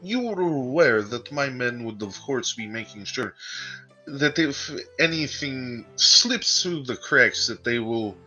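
A man's voice: mid-range voice, expressive, slow, pushed and bright, dull audio, soft background music. A man speaking in character as a player in a tabletop game, formal and a bit hesitant. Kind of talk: in-character tabletop role-play.

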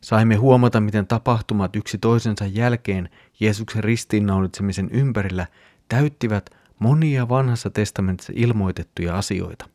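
Male podcast host, lowish voice, calm measured scripture reading and teaching, dry close sound. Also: dry recording.

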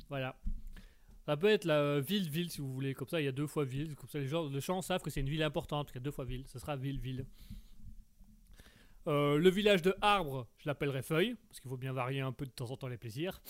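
A man hosts a relaxed live stream, chatting with his viewers. His voice sits a little high, and he rambles along, stacking puns and tripping over restarts and fillers. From Belgium. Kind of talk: casual live stream chat reading chat messages.

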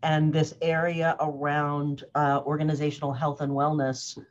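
Woman, fifties, lowish voice, reflective podcast guest, lo-fi recording. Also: flat delivery, moderate pace. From US, grew up in Cambridge, Massachusetts. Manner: thoughtful, loose, with many fillers and restarts. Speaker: guest, organizational wellness consultant. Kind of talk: casual interview talk.

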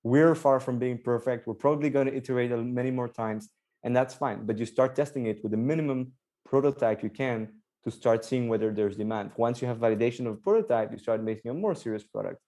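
With a medium-pitched, mellow voice, this young man talks fast. He's a startup co-founder from Belgium guesting on a casual podcast, upbeat and explaining at length while using fillers.

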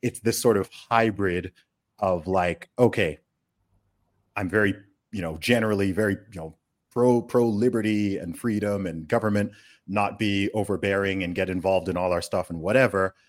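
Low-voiced and moderately paced, this man hosts a conversational podcast, driving home strong opinions with repeated words and questions that check for agreement. He was born in the UK and grew up in Saudi Arabia.

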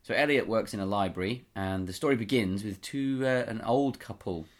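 Male podcast co-host, very deep voice, eager, rambling casual chat. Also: moderate pace. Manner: enthusiastic, trails off and restarts, quotes lines aloud. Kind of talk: casual chat about horror fiction.

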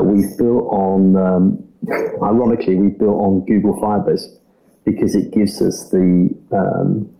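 Deep, very dark British-Australian man. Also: poor audio. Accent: mixed British-Australian. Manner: measured, hesitant, diplomatic. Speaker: startup representative. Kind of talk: conversational explanation.

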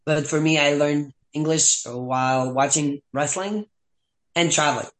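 A young man from Quebec, speaking with a Québécois French accent, chats casually as a guest, rambling, laughing often and filling his speech with "like." His voice is fairly high and fairly bright, at a measured pace.

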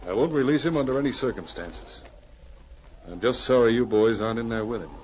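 An actor playing a stern, upright Mountie sergeant who speaks firmly and formally in a radio adventure. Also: male voice, mid-range voice, fairly quick, darkish tone, close to an everyday voice. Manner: firm, formal, commanding. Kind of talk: 1940s radio adventure acting. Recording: muffled, noisy old radio recording.

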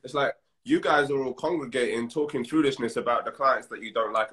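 A man talks as a guest on a casual podcast, emphatic and encouraging. He riffs on everyday habits and cheers the host along with quick affirmations. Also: medium pitch, fairly bright tone.

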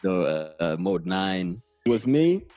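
A deep-voiced Namibian man in his thirties, talking loosely and unhurried as he rambles through his stories. His tone is dark and mellow, and the recording is dry with faint music behind him. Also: big pitch swings, dry recording. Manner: laid-back, rambling storyteller. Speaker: guest. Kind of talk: casual conversation.

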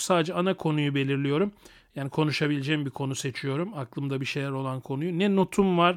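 Male podcast host, slightly high-pitched voice, improvised monologue, cocky and crude humour with frequent chuckling. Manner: crude, boastful, joking; chuckles often while talking. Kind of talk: unscripted solo podcast monologue.

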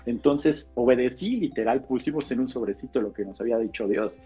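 A man who is a pastor, sharing a personal testimony in a casual podcast conversation, animated and acting out the dialogue. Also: mid-range voice, fairly quick, breathy edge. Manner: animated storyteller, acts out dialogue. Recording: slightly dull podcast audio with faint guitar music.

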